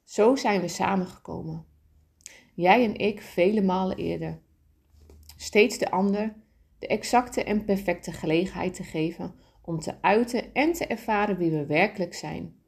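A woman voicing a kind, loving, wise soul who explains things gently and patiently. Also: fairly low pitch, a little slow, gravelly, slightly rough, full character voice. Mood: gentle.

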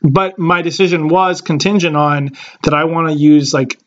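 Slightly high-pitched and fairly even in intonation, a man in his late twenties speaks at normal speed on a recording with the highs cut off. As a podcast co-host, he rambles through casual chat with plenty of fillers and false starts.

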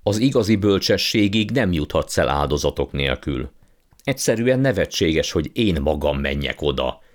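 A man's voice: rumbling low, very animated. A man voicing a pompous, blustering old uncle who calls himself a scientist and magician. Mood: outraged. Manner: blustering, condescending, impatient.

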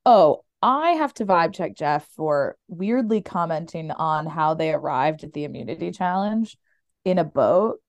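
A woman's voice: sits low, expressive, measured pace, no room sound, muffled recording. A woman co-hosting a casual podcast, wry and amused, often sounding bewildered. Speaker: podcast co-host.

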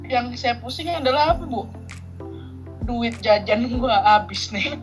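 A woman's voice: fairly high pitch, animated, a little slow, faint music behind. A woman co-hosting a casual podcast chat, playful and teasing, laughing often. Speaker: podcast co-host.

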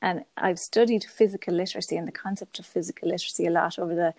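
A woman's voice: lowish voice, steady tone, very fast, vocal fry, darkish tone, no room sound. A woman with a west of Ireland accent chatting enthusiastically as an interview guest on a podcast. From Galway, west of Ireland. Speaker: podcast guest, primary school teacher. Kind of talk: conversational interview answers.

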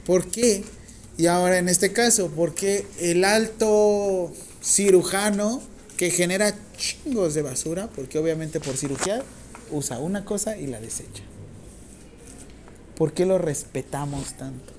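A woman with a Mexican accent teaching a nursing class, talking casually with slang, dictating slowly and firing questions at the students. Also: lowish voice, darkish tone, a little hiss or hum. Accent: Mexican Spanish. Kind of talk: classroom lecture.

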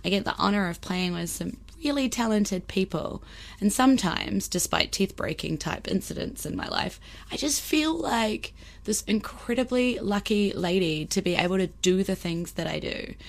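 A woman's voice: medium pitch, expressive, moderate pace, vocal fry. A woman with a broad New Zealand accent chatting casually and colloquially as a podcast host. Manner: colloquial, with Kiwi slang and Māori phrases.

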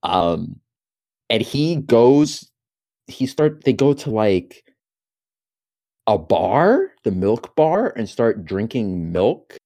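A man's voice: fairly low pitch, sing-song, very slow, long pauses, mellow. A man in casual chat, telling a story with exasperation and acting out his own reactions.

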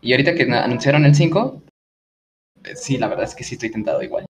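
A man's voice: mid-range voice, animated, fast. A man, a streamer guest chatting casually and hesitantly with fillers.

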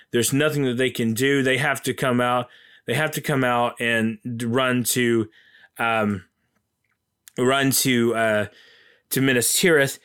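A man's voice: mid-range voice, fairly bright tone, clear, resonant tone. A man giving a casual, enthusiastic and rambling recap of a film.

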